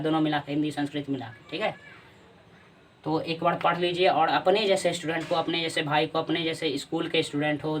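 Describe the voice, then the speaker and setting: A man's voice: fairly high pitch, fairly bright tone, recorded from a distance, a little hiss or hum. A male teacher with a Bihari Hindi accent giving a grammar lesson, often repeating key answers as questions to his students.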